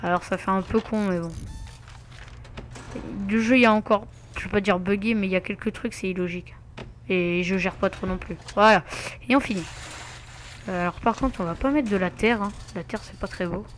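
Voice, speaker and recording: A man's voice: sits high, brisk, fairly bright tone, slight background noise. A man giving casual gameplay commentary, muttering to himself with asides and mild swearing. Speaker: let's play gamer.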